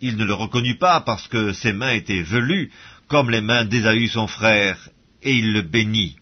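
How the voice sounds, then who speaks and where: A man narrating an audio Bible reading in a steady, measured way. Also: lowish voice. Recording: dull lo-fi audio.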